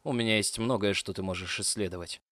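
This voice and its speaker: A man voicing a confident, commanding male lover who speaks firmly and a little loudly. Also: lowish voice, quick pace, no echo, studio quality, natural voice.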